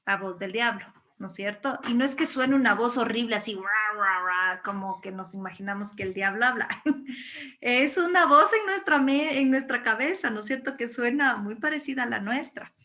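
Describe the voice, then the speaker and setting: A woman from Guatemala preaching a sermon, lively, acting out quoted voices and often asking her listeners "¿no es cierto?". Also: a little high, normal speed.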